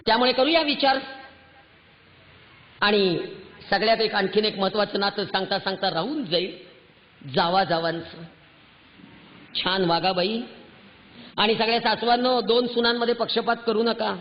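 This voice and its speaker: A woman's voice: medium pitch, fairly even intonation, moderate pace, pauses often, slight background noise. A woman giving an impassioned, scolding lecture to a crowd of women, firing off rhetorical questions. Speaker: public speaker addressing women. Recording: muffled sound with long hall reverb.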